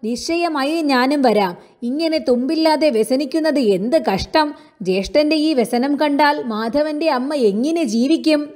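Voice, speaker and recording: Brief: a calm middle-aged man, as a woman reader puts him on, high and mellow. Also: moderate pace. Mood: reassuring. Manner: reassuring, steady.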